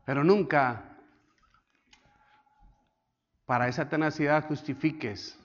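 A man's voice: on the high side, steady tone, slow pace, muffled recording. A male pastor with a Colombian accent preaching a sermon, repeating key words, urging the congregation to say them back, and acting out little scenes in shifting voices. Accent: Colombian Spanish. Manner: repetitive, exhortative, calls the congregation to repeat words.

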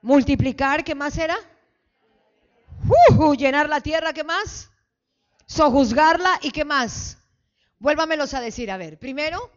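A woman pastor leading a call-and-response sermon, fervently exhorting the congregation and building to shouts. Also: high-pitched, dull audio. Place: church sanctuary.

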